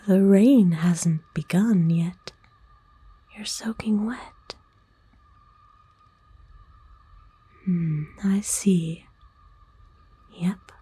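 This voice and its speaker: Here the woodland witch sounds curious and concerned, voiced by an ASMR actor in a heavily acted, extremely breathy soft whisper that is mellow and a little low. She stays soothing, folksy and unhurried, gently old-fashioned and playful, much like a caring host.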